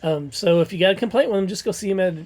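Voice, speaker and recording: This male speaker's voice is high-pitched, rapid-fire and a bit dark in tone. He's a convention organizer from Missouri co-hosting a laid-back podcast, rambling through a filler-heavy pitch for his convention with plenty of ums.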